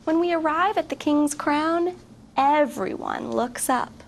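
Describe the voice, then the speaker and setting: Visiting as a guest reader, a middle-aged teacher with a high, creaky voice reads a picture book to children, pausing often to put questions to them. Her delivery is expressive and unhurried, and a faint background hiss runs beneath it.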